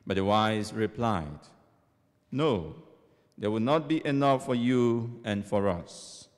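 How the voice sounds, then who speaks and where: Slow priest in echoing church. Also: male voice, on the low side. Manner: measured, deliberate delivery. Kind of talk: gospel reading and homily. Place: large church. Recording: long church reverb.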